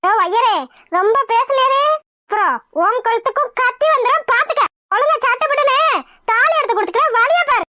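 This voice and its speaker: A woman's voice: very high-pitched, brisk, sharp tone, dry recording, studio quality. A woman voicing a brash, scheming mother of the groom in a cartoon, giving mocking commands. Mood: bossy.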